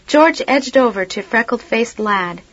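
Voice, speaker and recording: A woman reads a story aloud, steady and expressive. Her voice sits a little high, and the recording is dull and lo-fi. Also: measured pace. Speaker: narrator. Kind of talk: storybook reading.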